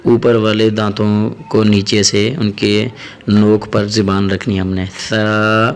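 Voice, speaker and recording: A man with a Pakistani Urdu accent teaching Arabic letters, drawing out each letter name slowly between quick explanations. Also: lowish voice, little pitch movement, a little mellow. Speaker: Quran teacher. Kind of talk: letter-by-letter pronunciation lesson.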